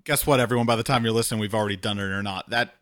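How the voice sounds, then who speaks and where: A man co-hosting a podcast in casual chat, talkative and self-deprecating with quick asides. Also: on the low side, fairly even intonation, a bit bright. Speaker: podcast co-host.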